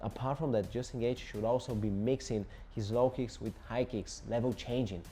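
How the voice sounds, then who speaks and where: Talking to camera on his own, this twenty-something Bulgarian fight journalist breaks down a bout in non-native English, hammering home tactics in repetitive lists. His medium-pitched voice is steady and dark, at normal speed, with a little hiss or hum underneath.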